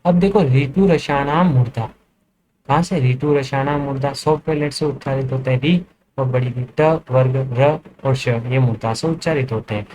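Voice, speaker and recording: A man with a slightly raised pitch teaches a lesson, walking through each point and posing questions that he answers himself. Faint noise sits under the voice. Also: warm tone, low-quality recording. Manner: explains step by step, asks and answers his own questions. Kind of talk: classroom lecture.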